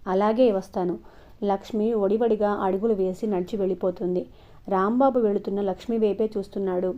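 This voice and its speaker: A woman storyteller reading a novel aloud in a steady, expressive storybook style. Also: medium pitch, a little fast. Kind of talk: scripted narration of an audio novel. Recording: dull lo-fi recording.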